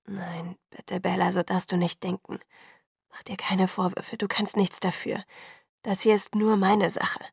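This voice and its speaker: A woman voicing a troubled teenage boy who speaks in a low, cold, halting whisper in an audiobook reading. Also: flat delivery, no echo, studio quality, full character voice. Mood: anguished whisper. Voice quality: hushed, hoarse whisper.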